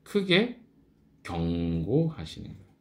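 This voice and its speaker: Male pastor, middle-aged, gravelly voice, lively rising and falling pitch, conversational Bible teaching. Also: slow pace. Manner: conversational, asks questions and answers them. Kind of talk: morning devotional Bible teaching.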